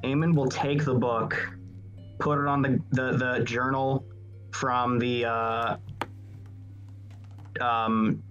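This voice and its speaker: A man's voice: mid-range voice, flat delivery, slow pace, pauses often, a bit bright, muffled recording, faint music behind. A man talking casually as a player in a tabletop game, describing what his character does.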